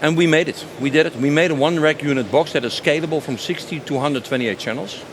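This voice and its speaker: This man's voice is a little high and his pace quick. In his 50s and working as a company sales director, he is interviewed at a trade show stand, answering spontaneously and enthusiastically while stressing and repeating his phrases amid clear noise from the busy exhibition.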